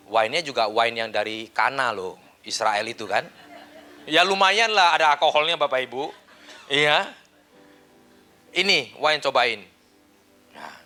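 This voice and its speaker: A middle-aged male pastor preaching a sermon, telling family stories with animated delivery that swings from loud outbursts to quiet asides. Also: fairly high pitch.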